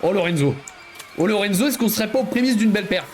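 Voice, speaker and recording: Excitable high-voiced man streaming a game. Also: quick pace, faint music behind. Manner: excitable, exclaiming and joking. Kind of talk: live gameplay commentary.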